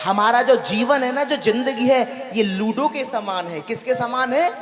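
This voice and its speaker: A man's voice: very high voice, normal speed, crowd noise. A man preaching a devotional sermon, quizzing his audience with call-and-response questions and repeating phrases for emphasis. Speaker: katha preacher.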